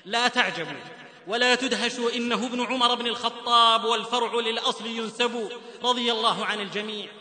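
A man's voice: extremely high pitch, fairly even intonation, brisk, bright, forceful tone. A man from the Hijaz in Saudi Arabia preaching a sermon-style lecture, telling stories fervently and slipping into a chanted lilt. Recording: echoey hall reverb.

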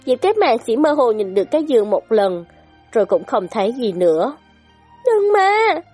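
A woman narrating a story in an expressive, dramatic storytelling manner. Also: fairly high pitch, fairly quick, slightly rough, soft background music. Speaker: audiobook narrator.

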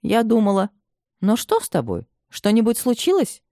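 A woman's voice: a little high, huge pitch swings, normal speed, mellow, dry recording, clean studio sound, voice pushed up. A woman doing a placid, indifferent young bride. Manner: placid, unbothered. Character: calm, indifferent young fiancée.

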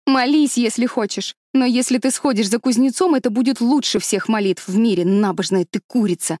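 A woman's voice: on the high side, expressive, normal speed, a little mellow, no room sound, clean studio sound, pitched above the performer's own voice, natural voice. A woman reading an audiobook, voicing a willful little girl who has decided to be naughty and snaps at her friend. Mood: defiant, snappy. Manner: bossy, snapping, wailing when stuck. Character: willful defiant little girl, turned rebellious. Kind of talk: audiobook character voice.

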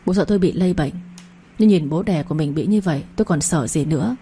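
A woman's voice: low voice, fast, warm tone, husky. A woman giving earnest, heartfelt first-person narration of a story.

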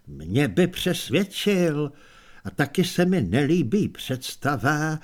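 A man voicing a nervous, cowardly wizard who speaks in a measured, anxious way. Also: fairly high pitch, darkish tone.

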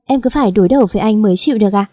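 A woman reading the lines of a teasing, blunt ex-lover in his thirties in an audio story, in a dark, mellow voice. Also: medium pitch, racing, no room sound, clean studio sound, close to an everyday voice. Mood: reproachful. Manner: read plainly in the narrator's own voice.

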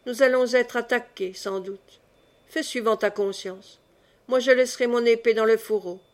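A woman's voice: fairly high pitch, steady tone, moderate pace, lightly acted. A woman reading the part of an old man who speaks in exalted, declamatory prophecy. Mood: somber. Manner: solemn, declamatory.

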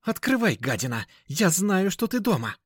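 Guy putting on a high-voiced young woman, frantic and teary, audiobook. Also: normal speed, dry recording, studio quality. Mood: furious. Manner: shouting, near tears. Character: distraught furious young woman.

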